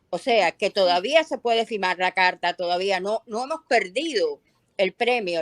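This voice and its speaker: A woman's voice: medium pitch, fairly bright tone, dry recording. An older woman from Cuba, speaking earnestly and with conviction as an interview guest on a video call. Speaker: activist guest.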